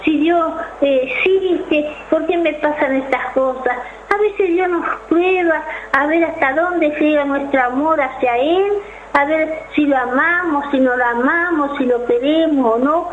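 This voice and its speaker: A woman with a Uruguayan Spanish accent gently exhorting listeners to trust God, adding frequent tag questions. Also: high-pitched, measured pace, reverberant, phone-quality sound, slight background noise.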